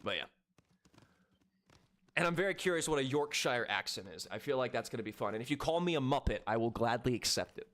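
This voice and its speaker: A man's voice: mid-range voice, animated, fast talker, few pauses, fairly bright tone. A man in his thirties chatting casually with viewers during a live game stream, laid-back and profane. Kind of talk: casual live-stream chat while gaming.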